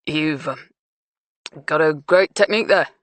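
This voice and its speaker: A woman reading an audiobook, voicing an earnest, easily flustered male detective who asks halting questions. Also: sits low, no echo. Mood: startled.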